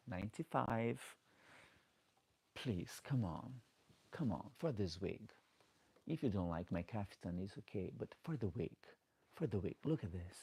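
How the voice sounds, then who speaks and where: A man with a Portuguese-speaking accent, a drag queen out of drag, is on a late-night livestream chatting casually, reading comments aloud, and pleading for likes. His voice sits on the low side and is a little mellow with a breathy edge.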